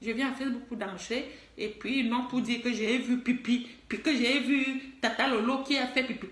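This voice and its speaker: Middle-aged woman, high-pitched, emphatic and scolding, direct-to-camera social post, echoey room. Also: fairly even intonation, moderate pace, fairly bright tone. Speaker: online personality and musician. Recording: roomy echo.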